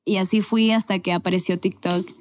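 A woman in her twenties from Venezuela, a podcast guest talking candidly and casually about her life, with quick self-corrections. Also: medium pitch, fairly even intonation. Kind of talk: casual conversational storytelling.

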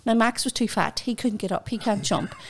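A woman co-hosts a casual podcast and tells stories in an animated, laughing way. Her voice sits fairly high. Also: fairly quick. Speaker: podcast co-host. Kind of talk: casual storytelling chat.

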